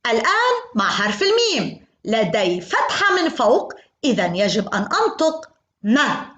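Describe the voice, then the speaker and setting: High, lively woman drilling phonics slowly. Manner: slow drilled syllables, sing-song repetition. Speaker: kindergarten teacher. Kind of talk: phonics lesson for young children.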